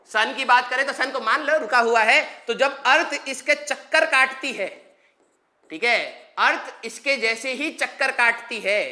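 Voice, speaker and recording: Bright-voiced joking physics teacher, man. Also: very high-pitched. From Haryana, India. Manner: chatty, joking asides to students; drawls definitions word by word. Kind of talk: online exam-prep lecture.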